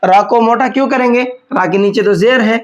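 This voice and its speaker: A man teaching a tajweed lesson, patiently asking himself questions and then answering them, and slowing down to draw out words as he demonstrates. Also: extremely high pitch, highs cut off. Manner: slows down to demonstrate words drawn out. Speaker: Quran teacher. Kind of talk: tajweed lesson explaining pronunciation.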